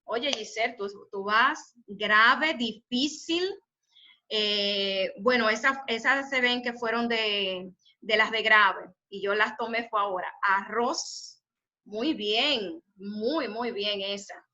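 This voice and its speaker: A woman's voice: medium pitch, slow pace, bright, forceful tone. A woman teaching a spelling class live over a video call, encouraging and praising her students' answers. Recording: dull lo-fi video call audio.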